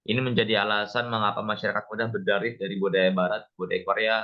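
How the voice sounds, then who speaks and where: Young man, low voice, class presentation, muffled lo-fi sound. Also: little pitch movement, quick pace. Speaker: student presenter. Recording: dull lo-fi recording.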